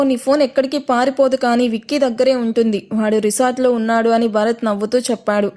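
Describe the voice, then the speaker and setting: A woman's voice: fairly high pitch, darkish tone. A woman narrating a scripted romance audio story, reading every part in her own voice and lifting a little for the quoted lines.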